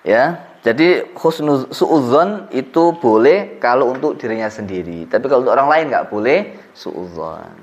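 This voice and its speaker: Man preaching, dull sound. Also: medium pitch. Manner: quotes Arabic texts and explains them, with Javanese asides and chuckles. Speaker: preacher at an Islamic boarding school. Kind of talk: religious lecture.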